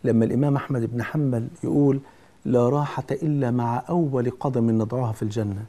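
A man's voice: medium pitch, fairly even intonation, fast talker, mellow. A man with an Egyptian Arabic accent preaching a sermon, earnest and speaking straight to the listener with repeated pleas.

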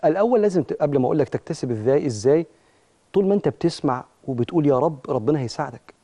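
A man's voice: a little high, lively intonation, very fast, warm tone. A man with an Egyptian accent hosting a religious motivational talk show, preaching emphatically and speaking straight to his listeners.

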